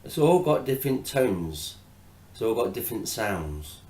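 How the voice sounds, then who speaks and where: A man speaking as a hypnotherapist in a slightly low voice, taking his time and pausing often on "uh" and "um". He guides the listener gently through noticing their breath. The room around him rings with echo. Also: big pitch swings. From England. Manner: slow, hesitant, many pauses and fillers. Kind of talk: informal talk to camera on hypnotherapy.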